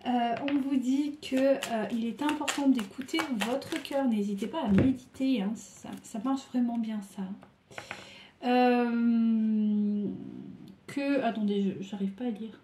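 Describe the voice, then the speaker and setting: A woman with a fairly high voice gives a tarot reading while fighting a cold. Her nose is blocked and she sounds feverish and worn out, stumbling through her words with fillers and restarts. The room is echoey, with a faint hiss underneath. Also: fairly even intonation, slow, mellow. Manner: hesitant, many fillers and restarts. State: feverish and tired. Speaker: tarot reader.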